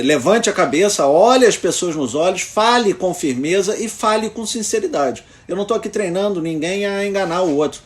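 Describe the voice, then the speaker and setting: A man, a lawyer giving tips on oral argument to the camera in an animated way, with many tag questions. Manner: animated, lively pitch swings, frequent tag questions. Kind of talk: instructional talk to the camera.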